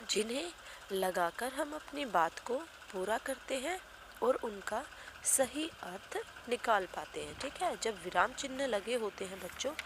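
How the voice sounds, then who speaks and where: A woman's voice: medium pitch, noisy background. A woman teacher giving a grammar lesson to young children, explaining patiently and repeating key points. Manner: patient, repetitive explaining with frequent "ठीक है".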